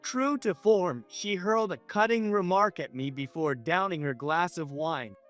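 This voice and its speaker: A man narrating a scripted first-person story in an even, measured way. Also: high voice, soft background music.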